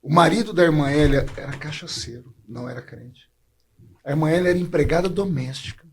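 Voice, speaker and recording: A man's voice: fairly high pitch, a little fast, a little hiss or hum. A man from Brazil, a preacher, telling his personal faith story in a heartfelt way, his voice catching with emotion. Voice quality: gravelly, husky voice.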